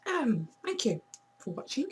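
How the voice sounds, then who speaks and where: A woman chatting casually to camera in a vlog, her voice hoarse and failing, blunt and swearing now and then. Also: a little high, big pitch swings, unhurried, a little hiss or hum, poor audio. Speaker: vlogger.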